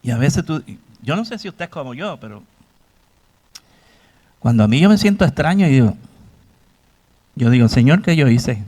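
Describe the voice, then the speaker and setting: A man preaching a sermon, with a voice that sits somewhat high for a man. He keeps asking the congregation rhetorical questions. He also acts out the voices he quotes. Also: big pitch swings, normal speed, long pauses, dark tone.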